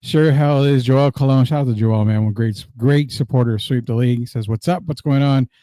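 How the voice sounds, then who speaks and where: A middle-aged man hosts a live sports stream in a loose, slangy, conversational style, his tone mellow and relaxed. His medium-pitched voice is brisk, recorded close and dry with no echo.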